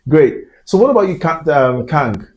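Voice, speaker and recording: With a fairly high, sing-song voice at normal speed, a man hosts a science podcast from Glasgow, and the sound is lo-fi. He rambles casually through the interview, using plenty of fillers and tangents.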